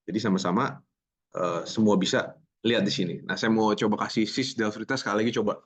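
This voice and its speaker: In slightly muffled, lo-fi audio, a man runs a public speaking workshop online, full of energy, cracking jokes with participants and slipping in English words. His voice sits on the low side with a breathy edge and fairly even intonation, and he talks fast.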